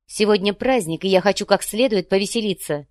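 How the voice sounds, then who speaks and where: A woman's voice: medium pitch, brisk, no echo, studio quality, lightly acted. A woman reading the part of a spoiled, cutting young wife, mocking and capricious.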